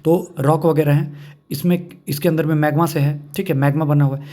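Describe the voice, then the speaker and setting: Mellow-voiced male exam-prep teacher. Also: fairly high pitch, steady tone, a little fast. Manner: repeats key points, checks understanding with questions.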